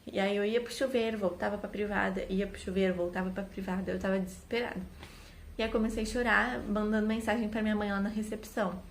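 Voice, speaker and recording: A woman's voice: mid-range voice, steady tone, fast talker, slight background noise. A young woman, casually telling a personal story to camera as a vlogger, candid and repeating words for emphasis. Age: young adult.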